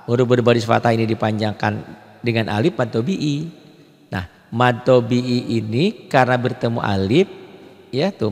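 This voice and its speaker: A man's voice: mid-range voice, in a large hall. A man teaching Quran recitation rules to beginners, explaining patiently, repeating points and asking rhetorical questions. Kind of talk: tajwid lesson for beginners.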